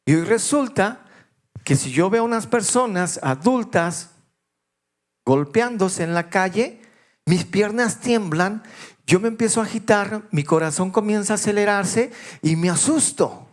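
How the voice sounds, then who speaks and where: A man's voice: sits high, animated, a little slow. Pastor in his fifties, confessional. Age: 50s. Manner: personal confessional storytelling, shifting between hushed and raised voice. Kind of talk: sermon.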